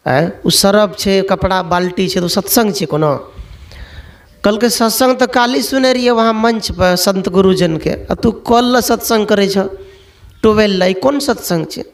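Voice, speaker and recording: A man with a high-pitched, unhurried voice preaches a sermon, telling stories and firing off one rhetorical question after another.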